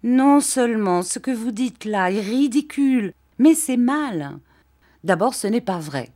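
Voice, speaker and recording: A woman's voice: fairly high pitch, lively intonation, measured pace, pitched above the performer's own voice. Woman reading as an earnest young husband. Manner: gentle, pleading. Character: earnest young husband, patient, gently reproachful. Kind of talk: audiobook reading.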